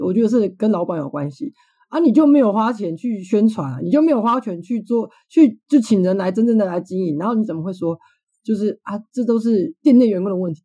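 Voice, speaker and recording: A woman's voice: mid-range voice, dark tone, husky. A young woman, hosting a podcast in casual chat, blunt and swearing freely. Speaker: podcast host.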